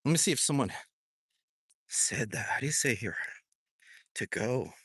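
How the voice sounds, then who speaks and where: A relaxed man with a Southwestern American accent talks casually to his live-stream viewers while walking outside. His voice sits in an ordinary middle pitch and comes across dry and close, with little room sound around it. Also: normal speed, husky, no echo. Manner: laid-back, chuckles often, joking about his broken Spanish. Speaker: livestream host. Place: outdoors, walking in a dry wash.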